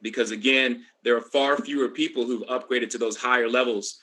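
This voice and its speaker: A man with a bright, forceful voice fields questions on a live internet call. His audio drops out in choppy gaps as the connection breaks up. He speaks haltingly and stops often to restart. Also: mid-range voice, steady tone. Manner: halting, with many fillers and restarts. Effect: audio dropping out on a breaking-up internet call. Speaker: presenter answering questions.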